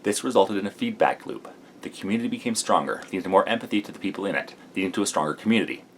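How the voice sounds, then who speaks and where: A man's voice: on the low side, expressive, racing, slight background noise. A sleep-deprived man, a vlogger, delivering a scripted explanatory monologue.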